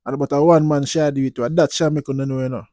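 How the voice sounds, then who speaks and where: A man's voice: mid-range voice, fairly even intonation, racing, dark tone. A man with a Jamaican accent hosting a channel in Rasta speech, casually commenting on music in Patois with blessings and frequent affirming tags. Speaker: YouTube channel host.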